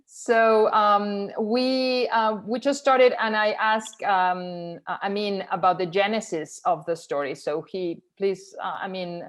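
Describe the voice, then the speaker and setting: A woman's voice: medium pitch, steady tone, slow, hardly any pauses. A woman who programs for a film festival, moderating a Q&A over a video call. She speaks hesitantly, with many ums and uhs. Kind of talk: festival Q&A conversation.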